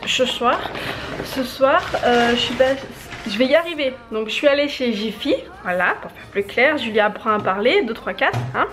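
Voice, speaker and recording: A woman's voice: fairly high pitch, expressive, normal speed, noisy background. Chatty woman showing a haul. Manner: chatty, rambling with many restarts. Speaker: family vlogger. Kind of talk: casual haul vlog.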